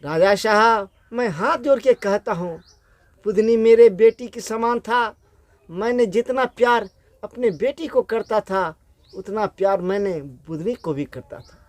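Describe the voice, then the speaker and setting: A man's voice: high voice, unhurried, no echo. A man voicing a grieving old village woman who repeats her lament in a plaintive way, in a storytelling reading. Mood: mournful.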